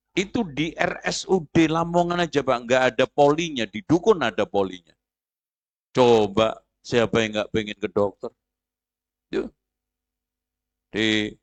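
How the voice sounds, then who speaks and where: A man's voice: on the high side, dry recording. A man giving a sermon as an Islamic preacher, joking and talking straight to his listeners. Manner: lively, joking and conversational, addressing the audience directly.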